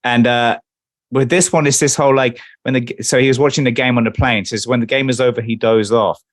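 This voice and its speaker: A man's voice: mid-range voice, steady tone, a little fast, no room sound. A man co-hosting a music podcast, rambling and reading lyrics aloud. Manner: rambling, restarts, reads out lyrics. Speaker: podcast co-host. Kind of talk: casual chat.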